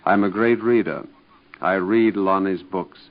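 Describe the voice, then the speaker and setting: Very deep-voiced courtly English lord. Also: male voice, a little slow. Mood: teasing, affectionate. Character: devoted, titled English lord and husband, determined and wry. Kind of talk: 1940s radio soap acting. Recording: dull, band-limited vintage radio recording.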